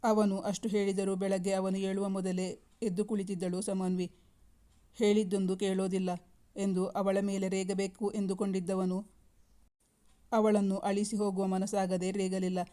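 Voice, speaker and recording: A woman narrates a heartfelt story in a calm, scripted way. Her voice is dark and mellow, with very little pitch movement. The reading moves along evenly from line to line. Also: normal speed. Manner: steady, even reading.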